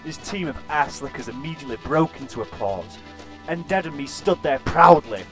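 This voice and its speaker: Deadpan man narrating an absurd story. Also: fairly high pitch, moderate pace, faint music behind. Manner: deadpan and crude.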